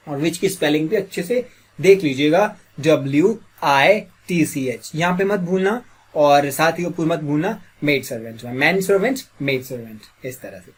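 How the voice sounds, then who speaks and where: Husky-voiced man teaching English. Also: a little high, animated, normal speed. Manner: quizzes listeners with repeated questions, clears throat often. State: slightly sore throat. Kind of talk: classroom grammar lesson.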